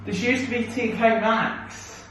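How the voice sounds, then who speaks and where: A man's voice: very high voice, little pitch movement, measured pace, a bit bright, a little hiss or hum. A man giving casual on-location commentary in short, observational remarks as a video host. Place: inside lifts and shops. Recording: echoey, distant camera mic, music behind.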